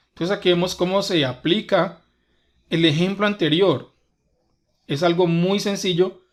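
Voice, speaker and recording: His voice is on the high side and a bit bright as he gives a slow English grammar lesson. Spanish is his first language, and he patiently repeats every example step by step.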